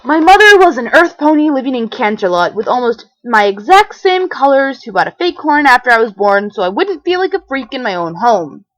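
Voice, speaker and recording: Brief: woman doing a sardonic young unicorn mare, wry and deadpan, fairly high voice with lively lilt. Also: a little fast, few pauses, rough recording. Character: dry sarcastic female unicorn musician. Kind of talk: fan fiction reading.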